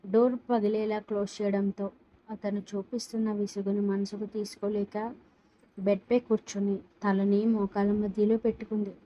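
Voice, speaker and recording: Brief: female story narrator, steady and even, warm-toned, slightly lo-fi. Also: medium pitch, moderate pace. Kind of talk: read-aloud story narration.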